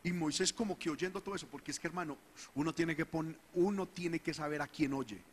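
Preaching pastor in a reverberant church. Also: male voice, on the high side, fairly quick, husky. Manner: preaching with rising fervor, acting out the people's whining. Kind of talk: sermon.

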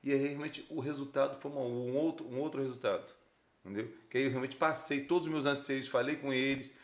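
A man hosting a casual podcast chat, speaking in halting phrases that he often restarts. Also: medium pitch, fairly even intonation. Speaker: podcast host, store owner. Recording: roomy, echoey room sound.

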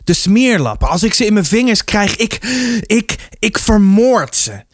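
A man reading a storybook, voicing a furious, defiant teenage schoolboy who shouts in high, strained bursts. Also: moderate pace, dry recording, studio quality, lightly acted. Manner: shouting, defiant, choked with anger.

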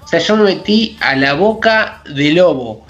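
A man with an Argentine accent telling a work story in casual chat, halting and restarting his words. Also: on the high side, animated, a bit bright, lo-fi sound, soft background music. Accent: Argentine Spanish. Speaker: podcast co-host.

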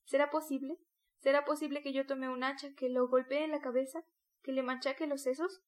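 A woman's voice: sits high, level tone, fairly quick, close to an everyday voice. A woman voicing an anguished young man who mutters his fears to himself after a nightmare, in a storybook reading. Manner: trembling, anxious self-talk.

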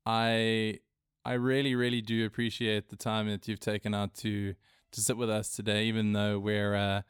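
A man co-hosting a podcast, talking in a halting way with many restarts and chuckles. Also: fairly low pitch, level tone, clean tone, dry recording, studio quality. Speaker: podcast co-host. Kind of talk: casual podcast interview.

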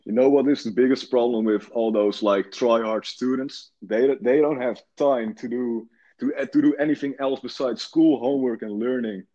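Mellow-voiced teenage guy from the Netherlands. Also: mid-range voice, steady tone, moderate pace, hardly any pauses, dull audio. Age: teens. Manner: earnest, repeats words when starting. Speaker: guest. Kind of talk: casual chat.

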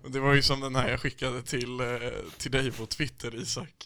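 A man's voice: mid-range voice, flat delivery, bright, forceful tone, no echo, clean studio sound. A young man hosting a casual podcast, reading out listener answers and joking with loose swearing. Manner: laughing, swearing, loose banter.

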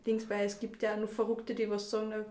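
A woman's voice: mid-range voice, completely flat delivery, fairly quick, a little mellow, roomy sound. A woman interviewing a guest, chatting in dialect with short affirmations and her own opinions. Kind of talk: casual conversational interview.

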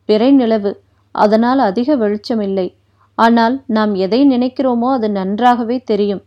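A woman voicing a dreamy young queen who rambles softly, in a dull lo-fi recording. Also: fairly high pitch, a little slow, natural voice.

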